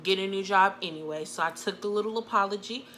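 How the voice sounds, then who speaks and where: A young woman with a bright, forceful voice tells a story in a loose, chatty way. She leans on "like" and slips into other people's voices as she goes. Faint hiss sits under her speech. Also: medium pitch, fast talker. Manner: chatty, full of "like" fillers, quotes people vividly. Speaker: vlogger. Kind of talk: casual storytime.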